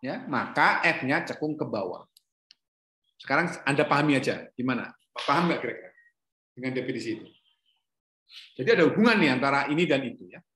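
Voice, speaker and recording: Here a middle-aged lecturer runs an online calculus lesson in an echoey room at home, not at an office. His mid-range voice is expressive and sharp in tone, and he talks fairly quickly but leaves long pauses. Questions, self-corrections, and a repeated "ya" fill his delivery.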